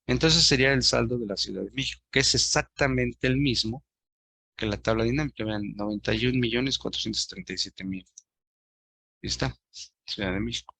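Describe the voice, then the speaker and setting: A man's voice: on the low side, creaky, a bit bright, no echo. A man teaching an online class, patiently explaining step by step and addressing his students directly.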